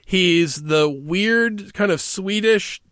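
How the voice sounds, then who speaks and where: A man co-hosting a casual movie review podcast, animated and jokey, swearing freely. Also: high-pitched, extremely slow, clean tone, dry recording, clean studio sound.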